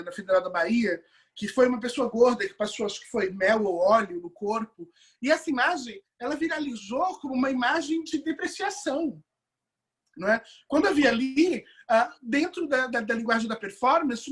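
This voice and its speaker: A Brazilian woman lectures in a fairly high, husky voice. She builds her points slowly, with rhetorical questions and frequent tag questions as she reasons aloud. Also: fairly bright tone. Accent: Brazilian Portuguese. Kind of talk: online course lecture.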